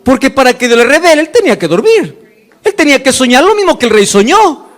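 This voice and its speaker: A man's voice: very high voice, big pitch swings, brisk, a bit bright. A male pastor preaching a sermon, acting out dialogue and asking the congregation rhetorical questions.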